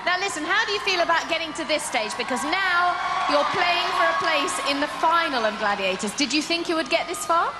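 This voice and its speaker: A woman hosting a game show in a large indoor arena, brisk and upbeat, calling out over the crowd. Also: very high voice, expressive. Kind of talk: lively TV presenting in an arena. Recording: loud arena crowd noise.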